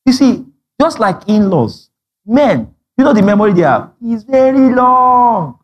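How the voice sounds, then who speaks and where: A man's voice: extremely high pitch, a little slow, lo-fi sound. A man preaching a sermon, telling stories with acted-out dialogue and frequent laughter. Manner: animated storytelling, acting out dialogue, frequent laughter. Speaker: pastor.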